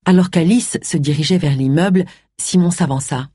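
Husky-voiced woman reading a novel aloud. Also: fairly low pitch, moderate pace, dry recording, studio quality. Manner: expressive reading, voicing all characters. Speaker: audiobook narrator. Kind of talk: scripted narration.

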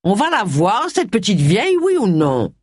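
A woman voicing a sharp-tempered, impatient middle-aged woman, with brisk, clipped questions. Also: medium pitch, huge pitch swings, husky, no room sound, clean studio sound, pitched above the performer's own voice. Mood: needling.

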